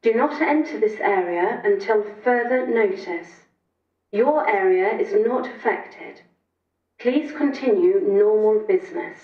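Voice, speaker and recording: Woman on a distant echoing loudspeaker. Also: medium pitch, animated. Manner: slow, measured, repeated official phrasing. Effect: heard over a public address loudspeaker. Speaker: incident control officer. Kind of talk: public address emergency announcement. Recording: distant muffled loudspeaker in an echoey courtroom.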